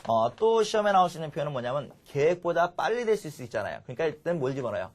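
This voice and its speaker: Animated male English lecturer. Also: a little high, racing, a little hiss or hum. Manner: animated, drills students with call-and-response. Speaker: English teacher.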